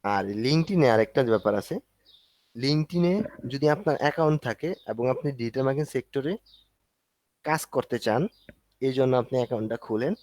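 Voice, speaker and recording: A man's voice: medium pitch, a little fast, pauses often, darkish tone, dry recording. A man teaching an online class, explaining step by step in a conversational way while walking through a screen. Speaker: instructor.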